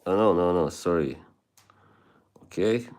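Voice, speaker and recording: A man with an Eastern European accent hosts a casual livestream, chatting with viewers, laughing a lot and swearing offhandedly. His voice is low-pitched, unhurried and a little mellow.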